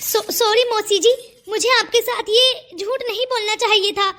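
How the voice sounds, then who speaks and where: A woman's voice: very high-pitched, steady tone, normal speed, bright, forceful tone. A woman voicing an apologetic young man coaxing his aunt in a cartoon story. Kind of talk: cartoon voice acting.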